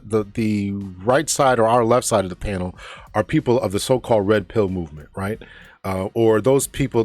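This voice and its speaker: A man's voice: mid-range voice, no room sound. A man hosting a podcast and reacting to a clip, talking hesitantly, repeating words and checking in with "right?". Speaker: podcast host. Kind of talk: reaction commentary.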